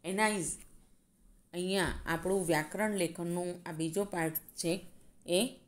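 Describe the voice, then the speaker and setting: Woman teacher, grammar lesson, slow and deliberate delivery. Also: fairly low pitch, steady tone. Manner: slow, reads word lists aloud deliberately.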